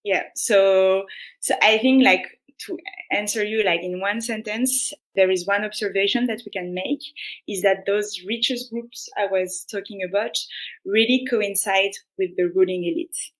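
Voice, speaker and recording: A woman's voice: medium pitch, fairly even intonation, measured pace, low-quality recording. A young woman with a French accent, explaining patiently as a guest on a podcast, with many restarts and "like"s. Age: young adult. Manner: earnest, explanatory, frequent "like" and restarts. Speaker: guest economist. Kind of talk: podcast interview.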